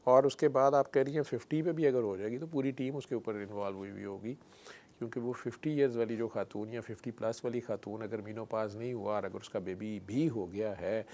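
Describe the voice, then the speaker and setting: Doctor guy, gravelly voice, chatty storytelling, keeps saying theek hai. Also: on the low side, brisk, a little mellow. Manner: storytelling, frequent "theek hai" check-ins, mixes in English terms. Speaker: doctor guest. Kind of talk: explanatory conversational interview.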